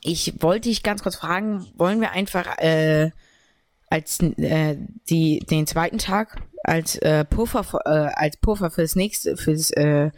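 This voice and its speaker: A man's voice: fairly high pitch, slow, no room sound, studio quality. A man interrupting to ask something, hesitant and full of fillers.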